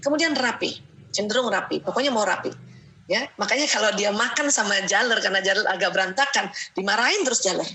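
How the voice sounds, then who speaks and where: A middle-aged woman speaking at a parenting seminar, lively and laughing often, dropping "ya" between her sentences. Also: mid-range voice, quick pace, slight background noise, poor audio. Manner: peppers sentences with "ya". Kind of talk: seminar talk to an audience.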